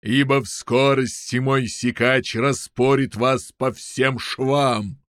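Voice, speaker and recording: For an audiobook, a male narrator voices a huge bullying giant who gloats and drags out every threat in a loud, heavy, slow drawl. The steady voice sits at an ordinary male pitch but carries a strained, altered edge. The close, dry recording has no room sound behind it.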